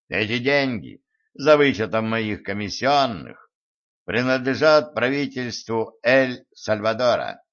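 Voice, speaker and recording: A man reading an audiobook and voicing a scornful, cool-headed rich man who speaks slowly and mockingly. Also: lowish voice, a bit bright. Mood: explaining. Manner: mocking, unhurried, emphatic. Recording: muffled lo-fi recording.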